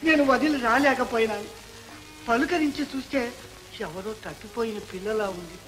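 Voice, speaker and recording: An actor playing a gentle grieving father who softly coaxes a lost girl and consoles his wife, in vintage film dialogue. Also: very high voice, normal speed, soft background music, rough recording. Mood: consoling. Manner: soft, coaxing and consoling.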